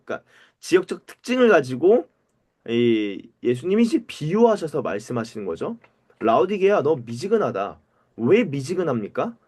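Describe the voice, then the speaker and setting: A pastor leading a Bible study, asking questions and calling on people to read. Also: male voice, mid-range voice. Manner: animated, asks the group questions and calls on readers.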